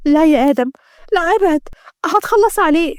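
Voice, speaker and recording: A woman with an Egyptian accent voicing a frightened young wife who pleads in a high, anxious voice. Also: expressive, brisk, no echo, clean studio sound. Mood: pleading. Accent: Egyptian Arabic. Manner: pleading, fearful.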